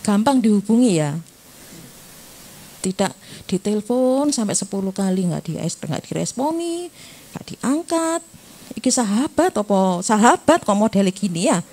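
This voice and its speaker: A woman's voice: medium pitch, very animated, unhurried, long pauses, dark tone. A middle-aged woman, giving a church youth talk in a chatty way, asking her listeners questions and ending lines with a tag "ya".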